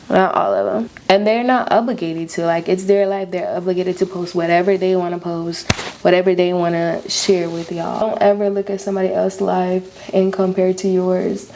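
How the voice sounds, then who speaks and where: Doing her makeup on camera, this early-20s YouTuber from Florida talks casually with her viewers in a beauty vlog, her American accent carrying a slight lisp. Her pitch is fairly low and a little mellow, with a little hiss or hum in the recording.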